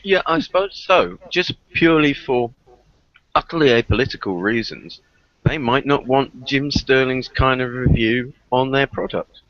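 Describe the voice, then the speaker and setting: A man's voice: medium pitch, moderate pace, dull audio. A man co-hosting a podcast, musing wryly in casual chat. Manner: wry, musing.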